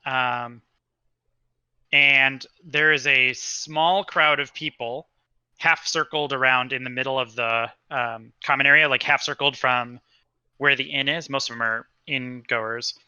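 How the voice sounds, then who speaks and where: A man's voice: medium pitch, fairly even intonation, measured pace, pushed and bright, clear, resonant tone, dry recording, highs cut off. A man narrating a tabletop game as game master, in a casual, rambling way with lots of fillers.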